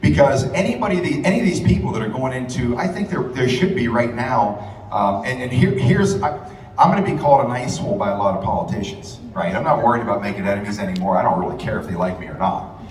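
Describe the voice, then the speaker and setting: With an expressive mid-range voice and a quick pace, a man rails through a repetitive, profanity-heavy rally speech in a large event hall. He is a rally speaker and radio host, heard distantly through heavy echo over a loud crowd and hall noise.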